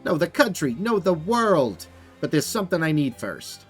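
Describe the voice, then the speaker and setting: Give me a pushy, flattering hat photographer, as a man puts him on for a game, pitched high and loud. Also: moderate pace, breathy edge, faint music behind. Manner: pushy, flattering, calls everyone baby. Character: brash fast-talking male hat photographer hustler.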